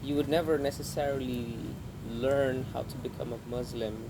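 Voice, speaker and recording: A male podcast co-host chats and asks questions casually. His voice has plenty of creak at an ordinary pitch. Clear noise runs behind him. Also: steady tone, moderate pace. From Philippines. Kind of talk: casual conversational interview. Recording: clear background vehicle-like noise.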